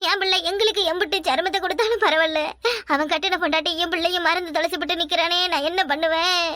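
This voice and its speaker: A woman's voice: animated, quick pace, sharp tone, no echo, studio quality, exaggerated voice. A woman voicing a fierce, cursing village mother-in-law in a cartoon, with a southern Tamil accent from the Tirunelveli area. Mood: wailing. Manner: shrill, cursing, wailing laments.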